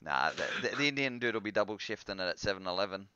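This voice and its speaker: A man's voice: low voice, lively intonation, fast, sharp tone, smooth, dry recording, highs cut off. A man hosting a live stream, teasing and laughing in casual chat. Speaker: host.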